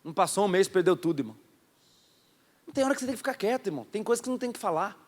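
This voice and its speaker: A high-pitched male pastor preaches to his congregation. He drives his points with sudden loud bursts, then drops into quiet, confiding asides. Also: expressive, rapid-fire. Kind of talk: sermon. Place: church hall before a congregation.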